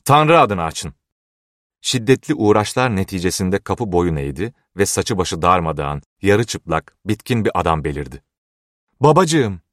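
A man reading a novel aloud as an audiobook narrator, in a measured, even storytelling manner. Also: low-pitched, no room sound, clean studio sound. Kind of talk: scripted narration.

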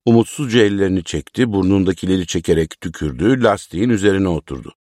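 Deep male narrator, measured literary reading, very dry close sound. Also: darkish tone, dry recording. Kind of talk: storybook reading.

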